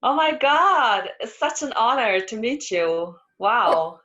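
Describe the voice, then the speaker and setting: Hungary-born woman in her 40s, earnest, halting, on headphones, dull call sound. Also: fairly high pitch, very animated, sharp tone. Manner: earnest, moved, hesitant with fillers. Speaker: community member. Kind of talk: casual chat on a video call. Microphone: headphones on a video call.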